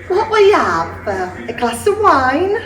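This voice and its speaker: A woman's voice: high voice, very animated, a little slow, a crowd in the background. A woman playing a fawning, deferential innkeeper in a theatrical pantomime. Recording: echoey room, distant microphone.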